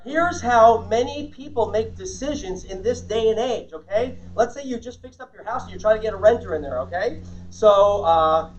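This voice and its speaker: A man's voice: moderate pace, few pauses. A man giving a live sales seminar. His voice swings up and down with lots of inflection, and he keeps asking the audience questions. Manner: highly inflected, animated delivery. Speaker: sales communication trainer. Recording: distant mic, dull muffled sound.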